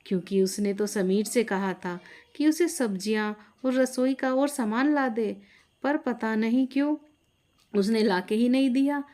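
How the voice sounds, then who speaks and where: A woman narrates a bedtime story in a steady, plain manner. Her voice sits higher than most.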